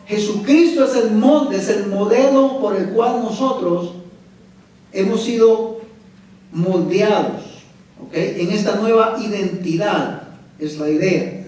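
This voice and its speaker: A male pastor with a very high voice delivers an emphatic sermon at an unhurried pace. He often asks his congregation questions to check that they follow. He sounds far from the mic, in a church sanctuary with heavy echo. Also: a little mellow. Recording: echoey church hall from far off.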